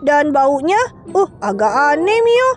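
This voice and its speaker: A woman's voice: high voice, big pitch swings, unhurried, faint music behind. A woman hosting and voicing a casual role-play game drama, chatty with frequent tag questions. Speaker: game drama narrator and voice actor.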